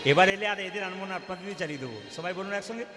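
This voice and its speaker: Guy leading a kirtan, high voice, booming echoey hall, music going. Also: rapid-fire. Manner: exhorts the audience loudly, alternates speech and sung chants. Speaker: kirtan singer leading the crowd. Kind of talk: devotional kirtan with call-and-response chanting. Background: devotional music.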